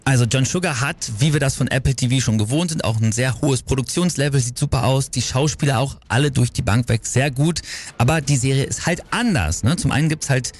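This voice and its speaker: A man's voice: mid-range voice, a little fast, husky. A man giving a conversational review of TV series as part of a chat with a co-host.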